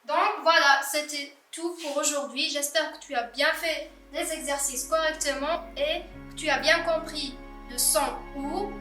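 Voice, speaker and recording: A woman's voice: high voice, fairly even intonation, a little slow, bright, forceful tone, echoey room, recorded from a distance, faint music behind. A young woman teacher correcting a primary-school reading exercise, patiently spelling out words letter by letter. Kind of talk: slow classroom exercise correction.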